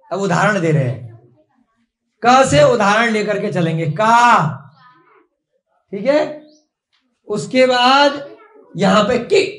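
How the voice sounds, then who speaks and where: A man with a notably high voice teaches a class at an unhurried pace. He repeats points and keeps quizzing his students. The sound carries a strong echo from the room. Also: fairly bright tone.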